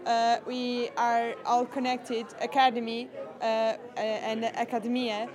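Halting young woman from Portugal. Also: on the high side, little pitch movement. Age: young adult. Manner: halting, searching for words. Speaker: scout, interviewee. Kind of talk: interview answers. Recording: crowd chatter behind.

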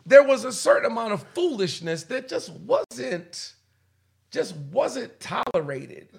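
Emphatic high-voiced man in his fifties. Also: very animated, slow pace, vocal fry, husky. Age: 50s. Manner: emphatic, repeats "okay?" often, acts out quotes. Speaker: guest. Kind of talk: animated storytelling in a podcast chat.

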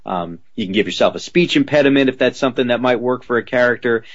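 A voice actor with a slightly deep voice answers interview questions animatedly, slipping into character voices as he tells stories. He talks fast, and the audio is dull.

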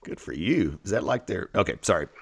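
A man's voice: deep voice, lively intonation, brisk, creaky, breathy edge. A man with an Oklahoma accent hosting a casual podcast in a jokey, rambling way. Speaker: podcast host.

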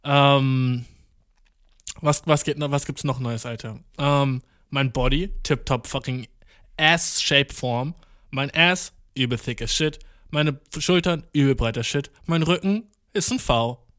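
A young man doing a rambling comedic monologue, full of swearing and English slang, jumping from mumbled asides to excited outbursts. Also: mid-range voice, measured pace, no room sound, clean studio sound. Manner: slangy, profane, mixing English words into German; jumps from deadpan mutters to excited outbursts.

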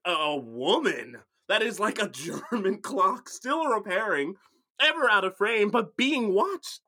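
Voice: mid-range voice, sharp tone, exaggerated voice. A performer playing a witty young lord in a Shakespeare comedy, declaiming grandly and laughing at himself. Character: witty young lord, lovesick and self-mocking. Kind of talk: Shakespeare stage acting.

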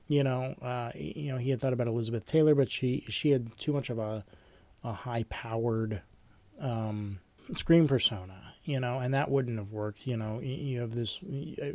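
A man's voice: medium pitch, dark tone, no echo. A man teaching a film studies class in an informal, rambling way, with frequent ums and restarts. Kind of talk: informal online lecture.

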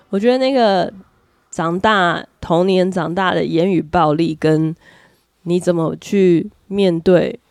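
A woman co-hosting a podcast, telling a personal story with lively energy and frequent laughter. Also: on the low side, slow, no echo, studio quality. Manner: lively storyteller, laughs often while talking. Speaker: podcast co-host. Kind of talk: casual chat, personal storytelling.

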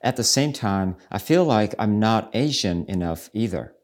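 On his ministry podcast, a South Korean host speaks in a low-leaning, expressive voice at a moderate pace. The devotional talk is earnest, reflective and searching, with a preacherly feel.

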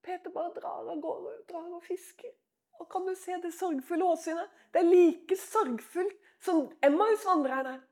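A woman preaching a sermon in church in an emotional, conversational way, swinging from loud outbursts to hushed near-whispers and often asking the listeners to agree. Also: extremely high pitch.

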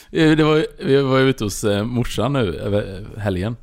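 A man hosting a podcast, telling a story in casual chat and acting out what people said. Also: medium pitch. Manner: animated storyteller, acts out dialogue. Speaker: podcast host.

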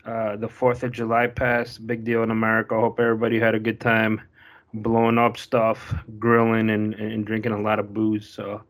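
A man's voice: lowish voice, monotone, moderate pace. A man co-hosting a podcast, talking casually and explaining things at length with many restarts. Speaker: podcast co-host.

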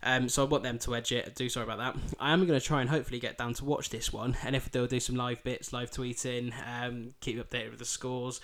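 A man's voice: mid-range voice, flat delivery, fast, hardly any pauses, a bit bright. A man with a thick Yorkshire accent hosting a football podcast, previewing fixtures in an informal, chatty way. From Bridlington, East Yorkshire, England. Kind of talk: podcast fixture preview, part scripted, part casual chat.

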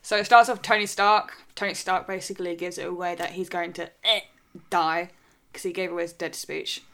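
A man chatting casually on a podcast, quick with joking asides. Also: high voice, fairly even intonation, pushed and bright. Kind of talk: casual chat.

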